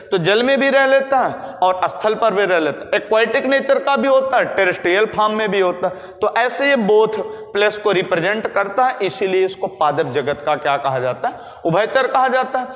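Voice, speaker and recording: A man's voice: sits high, a bit bright, muffled recording. A male biology teacher giving a lecture, asking questions and then answering them himself. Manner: explains slowly, asks and answers his own questions. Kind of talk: classroom-style lecture. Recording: echoey room with long reverb.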